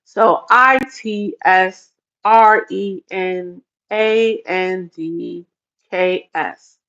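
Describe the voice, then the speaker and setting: A woman's voice: medium pitch, drawn-out words, a bit bright, dull audio. A woman chatting casually on a livestream, rambling and often laughing as she talks. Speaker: livestream host.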